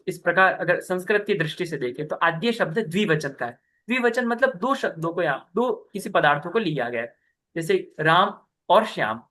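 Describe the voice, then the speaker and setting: A man's voice: high voice, bright, forceful tone. A young man teaching a scripture class over a video call. He explains step by step and keeps checking in with his students. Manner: patient, explains step by step and often asks "ठीक है".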